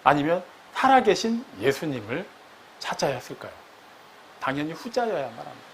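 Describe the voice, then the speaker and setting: A man's voice: very animated, moderate pace, a little hiss or hum. A man preaching a sermon as pastor. He explains step by step, asks his listeners questions, and acts out quoted lines. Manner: acts out quoted lines with sharp rises and drops in pitch.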